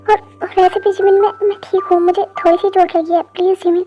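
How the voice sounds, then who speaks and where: A woman voicing a gentle young husband in a fan dub, speaking softly and pleading. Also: very high voice, little pitch movement, fast talker, lo-fi sound, faint music behind. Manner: soft, pleading.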